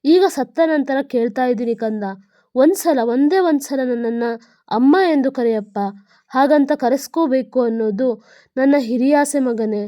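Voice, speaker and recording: A woman's voice: high voice, measured pace, dark tone, no echo, clean studio sound. A woman voicing a dying old mother who pleads tenderly with her son in a letter. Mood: tender, pleading.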